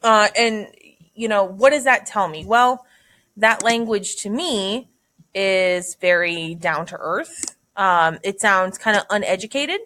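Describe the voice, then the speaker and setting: A woman's voice: mid-range voice, takes it slowly, fairly bright tone. A woman teacher thinking aloud through a literary analysis lesson, casual, with many fillers and "right?" checks.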